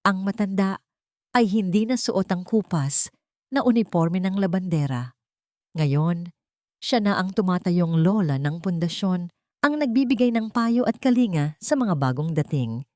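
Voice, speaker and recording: A woman narrates a melodramatic audio story in a scripted storytelling style, her pitch rising and falling expressively for emphasis. She keeps a measured pace, and the recording is dry and of studio quality.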